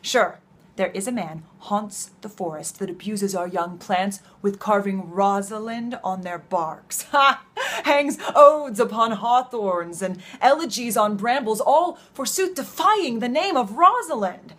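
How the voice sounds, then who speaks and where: Hammy witty country youth in an old stage comedy, teasing, very theatrical. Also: female voice, mid-range voice, lively intonation, unhurried, fairly bright tone. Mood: mock indignant. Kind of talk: classical stage acting of Shakespearean comedy.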